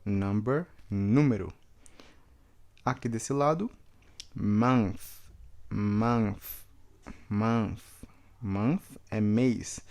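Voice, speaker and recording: A man's voice: fairly low pitch, darkish tone. A man teaching English vocabulary to Portuguese speakers, repeating each word several times and checking in with the class after each one. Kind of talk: vocabulary lesson with repetition drills.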